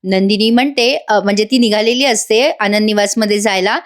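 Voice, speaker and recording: A woman's voice: medium pitch, fairly even intonation, fairly quick. A woman doing a voice-over review of a serial episode, amused and chatty, talking straight to viewers. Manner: gossipy, amused, addresses viewers.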